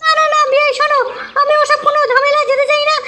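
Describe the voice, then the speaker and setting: A woman's voice: very high voice, flat delivery, fast, loud music behind the voice. A woman playing an indignant middle-aged mother-in-law in a comic audio drama, scolding and fed up. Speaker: mother-in-law visiting her daughter's home.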